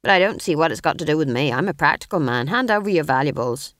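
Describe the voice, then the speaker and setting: A woman's voice: deep voice, lively intonation, fast talker, a bit bright, dry recording, clean studio sound, pitched below the performer's own voice. A woman voicing a blunt, practical male bandit chief who makes threats. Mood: menacing. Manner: blunt, menacing.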